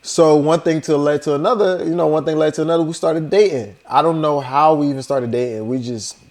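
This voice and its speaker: A man's voice: fairly high pitch, a little fast, darkish tone. A young man, casually telling a personal story to his vlog audience, laid-back and loose, full of "you know" and "like". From Liberia. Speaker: vlogger.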